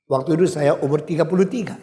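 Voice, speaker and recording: A man's voice: a little high, quick pace. Older male preacher in an echoey hall. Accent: Indonesian. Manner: emphatic, wide swings in loudness, switches briefly to English. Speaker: pastor. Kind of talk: sermon.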